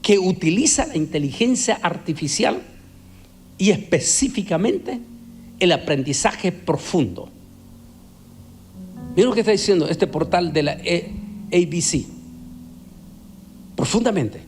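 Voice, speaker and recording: Male evangelist, fiery sermon delivery, repeats key words, slightly raised pitch. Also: lively intonation, a little slow, pauses often, darkish tone, slight background noise. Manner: emphatic, repeats words for stress. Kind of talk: preaching sermon.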